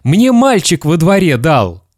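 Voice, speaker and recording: Guy reading a story doing a little boy, squeaky and excited, voice jumps all over, dry close sound. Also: unhurried, no echo. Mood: eager. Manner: eager, high and pleading, turns tearful. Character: small excitable boy who trades things away.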